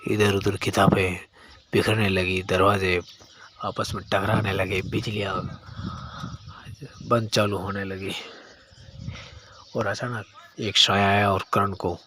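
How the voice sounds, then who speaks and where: A man narrating a horror story in a plain, halting storytelling manner with frequent restarts. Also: deep voice, level tone, sharp tone, slight background noise.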